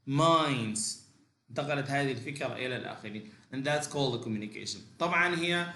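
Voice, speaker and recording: A male language teacher, giving a bilingual lecture and moving between halting English and rapid explanations full of fillers and restarts. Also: medium pitch, fairly bright tone, reverberant.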